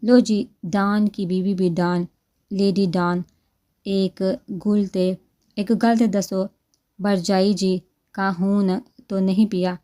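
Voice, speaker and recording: A woman's voice: medium pitch, flat delivery, dark tone, natural voice. A woman reading the part of a playful young man who teases with mock seriousness. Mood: teasing.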